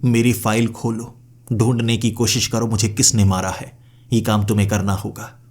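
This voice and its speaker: A man's voice: lowish voice, level tone, normal speed, darkish tone, natural voice. A man voicing the ghost of a murdered male police inspector, stern and aggrieved, in a dramatic horror story. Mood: mournful.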